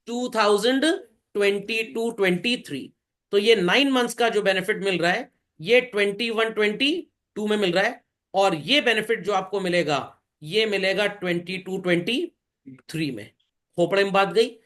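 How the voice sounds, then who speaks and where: With a high voice that sounds pushed and bright, a man teaches accounts to a class in a lecture. He mixes Hindi and English, addresses listeners as bhai and children, and asks students questions that he then answers himself while explaining.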